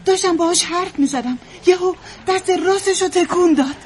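An elderly mother, voiced by a woman, frets and insists in a radio drama, her voice very high and strained. She repeats herself and clings to hope. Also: a little hiss or hum. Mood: agitated. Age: older.

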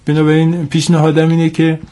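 A bit high in pitch, warm in tone but monotone, this man is an expert guest on a radio interview. A cold has blocked his nose, and he talks formally and hesitantly, reiterating points for emphasis.

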